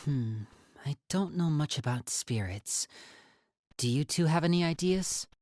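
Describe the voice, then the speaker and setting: A woman's voice: low-pitched, expressive, measured pace, dark tone, no room sound, studio quality. A woman voicing a suave, theatrical, scheming young man and older brother in an anime game. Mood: earnest, conspiratorial.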